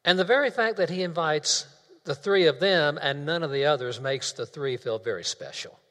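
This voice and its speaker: A man's voice: on the high side, a bit bright. Preaching man in a reverberant church. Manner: measured, repeats phrases for emphasis, leads call-and-response. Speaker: pastor. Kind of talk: sermon. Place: church sanctuary. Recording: long reverb of a church hall.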